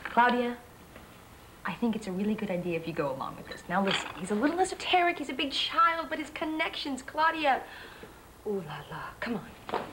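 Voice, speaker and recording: A woman's voice: on the high side, animated, brisk, a bit bright, a little hiss or hum, low-quality recording. An actress playing a young woman in a film drama, with a coaxing, urgent way of talking. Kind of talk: naturalistic film acting.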